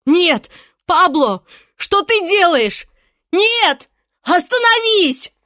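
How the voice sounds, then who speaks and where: A woman's voice: mid-range voice, slow pace, a little mellow, breathy edge, no echo, clean studio sound. A woman reading aloud and voicing a frightened young woman who cries out in alarm, in an audiobook. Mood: screaming. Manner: crying out in alarm. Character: frightened young woman fighting for her life.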